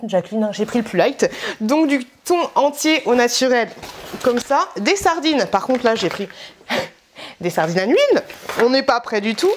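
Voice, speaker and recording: A woman's voice: a little high, a little hiss or hum. A woman vlogger chatting at home in a casual, slangy, rambling way as she shows her shopping. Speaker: vlogger showing a grocery haul. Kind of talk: casual chat.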